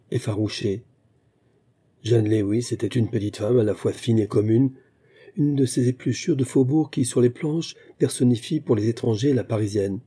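A man narrating a novel as an audiobook in a measured, literary manner. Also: medium pitch, mellow, breathy edge.

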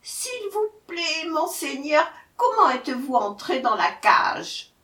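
A woman voicing a sly male jackal who plays dumb in a storybook tale, whining in a high, drawn-out, fretful voice. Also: sing-song, bright, forceful tone, full character voice. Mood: whiny feigned confusion. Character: sly male jackal feigning silly confusion. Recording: echoey room, voice from far off.

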